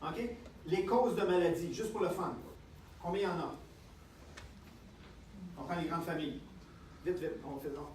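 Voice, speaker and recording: A man with a Quebec French accent giving a lively seminar talk and checking in with the audience again and again. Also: high-pitched, moderate pace, pauses often, a little hiss or hum. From Canada. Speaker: health speaker. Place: lecture room with audience. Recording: echoey room, distant mic, faint ambience.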